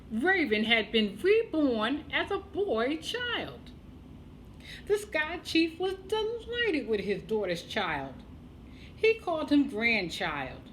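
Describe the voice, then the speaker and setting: A woman telling a children's tale as a storyteller, expressive and deliberate, with dramatic pauses. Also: fairly high pitch, slight background noise, low-quality recording.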